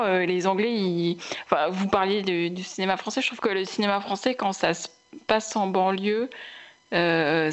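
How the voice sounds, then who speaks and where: A young woman hosting a casual film chat, chatty, with many fillers and restarts. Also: medium pitch. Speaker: film podcast host.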